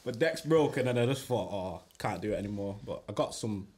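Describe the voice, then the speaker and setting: A man, a DJ guest chatting casually on a podcast in a laid-back way that trails off quietly. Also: lowish voice, animated, fairly quick, heavy background noise. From northern England. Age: 30s.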